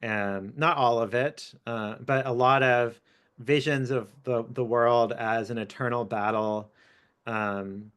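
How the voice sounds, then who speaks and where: A man's voice: mid-range voice, fairly even intonation, slow, a bit bright, clear, resonant tone. A man, an author, talking over an academic discussion in a thoughtful, hesitant way with frequent fillers. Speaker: author and guest speaker. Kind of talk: academic talk.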